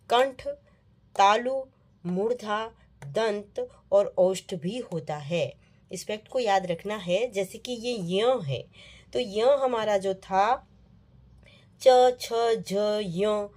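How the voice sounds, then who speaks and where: A woman leads an online classroom lesson, speaking at a slow, unhurried pace in a mid-range voice. She repeats key terms, poses questions to her students and answers them herself. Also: medium pitch, darkish tone. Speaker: Sanskrit teacher.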